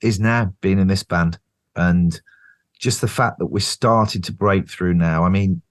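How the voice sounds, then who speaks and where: A man's voice: deep voice, unhurried. A middle-aged British man, a band singer as guest, telling road stories in a casual interview, swearing freely and acting out what people said. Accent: British English. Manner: animated storyteller, swears freely, acts out quotes.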